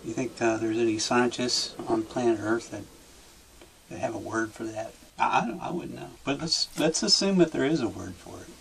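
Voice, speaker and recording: Male session monitor, gravelly voice, coaxing, prompting tone. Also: medium pitch, moderate pace, a bit bright, slight background noise, low-quality recording. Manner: coaxing and prompting, with light laughter. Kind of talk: guiding a session.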